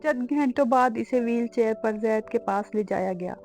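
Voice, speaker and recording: A woman narrates an emotional novel with slow, dramatic pacing. Her voice sits a little high with a gravelly texture and a dark, mellow tone. Soft music plays faintly behind her.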